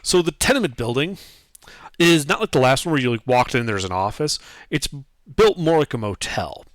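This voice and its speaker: A man runs a tabletop game with casual, improvised narration. His delivery is halting as he searches for words, but the pitch moves in a lively way. The sound is dry. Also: no echo. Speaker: game master.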